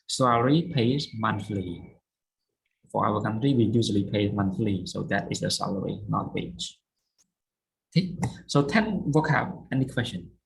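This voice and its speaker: A man's voice: fairly low pitch, animated, unhurried, vocal fry, poor audio. A man teaching an online English lesson, patiently explaining words and checking understanding. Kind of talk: online vocabulary and pronunciation lesson.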